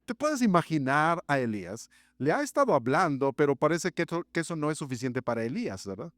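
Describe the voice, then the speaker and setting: A man's voice: very animated, brisk, a bit bright, no echo, studio quality, faint music behind. Man preaching with big dramatic swings. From Mexico. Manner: dramatic, acts out voices of the text with big pitch swings. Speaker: pastor. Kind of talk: sermon. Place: church sanctuary.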